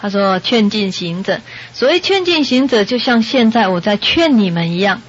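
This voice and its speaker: A woman giving a Buddhist sermon to an audience, telling a story in a lively way and acting out the characters' lines. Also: mid-range voice, moderate pace, slight background noise. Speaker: Buddhist dharma teacher. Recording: dull lo-fi recording.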